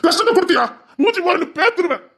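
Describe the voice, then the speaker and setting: A woman's voice: very high-pitched, expressive, quick pace, gravelly, a bit bright, heavily acted. A woman with a Tirunelveli Tamil accent playing an anxious husband who pleads and repeats himself over and over. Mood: pleading.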